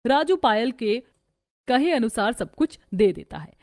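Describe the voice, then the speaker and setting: A woman giving scripted narration of a family story in an even storytelling tone. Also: fairly high pitch, measured pace.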